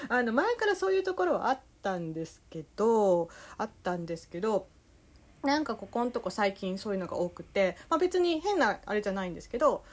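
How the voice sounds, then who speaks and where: A young woman with a Kansai accent hosting a relaxed solo talk show, meandering along with plenty of fillers. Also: medium pitch, fairly quick. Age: young adult. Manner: easygoing, meandering, full of fillers. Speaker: podcast host.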